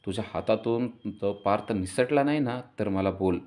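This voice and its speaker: A man's voice: on the low side, moderate pace, darkish tone, close to an everyday voice. A man voicing a scheming mother who scolds her daughter sharply and dismissively. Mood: scolding.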